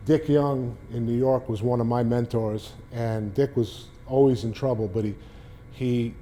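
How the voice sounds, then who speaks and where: Rambling older man, mellow Boston storyteller. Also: mid-range voice, a little hiss or hum. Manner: rambling anecdotes with frequent restarts and fillers. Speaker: guest speaker, former sports beat writer. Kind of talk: casual storytelling talk to a library audience. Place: public library talk.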